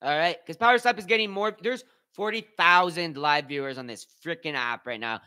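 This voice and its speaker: A male streamer runs a live watch party in loose, slang-heavy chatter. His voice sits a little high and rings very bright and forceful. He keeps breaking off to read and answer his chat. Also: brisk, clean tone. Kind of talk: casual live-stream commentary.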